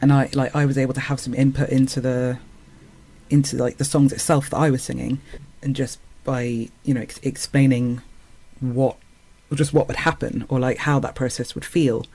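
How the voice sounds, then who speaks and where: A man's voice: medium pitch, flat delivery, moderate pace, darkish tone. Hesitant, thoughtful man speaking as a guest. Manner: thoughtful, hesitant, with many fillers. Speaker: actor and singer guest. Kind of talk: casual conversation.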